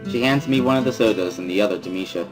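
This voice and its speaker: Over prominent instrumental music, a low-voiced man narrates a visual novel in a rapid-fire first-person dramatic reading. He's an amateur reader and narrator of a series.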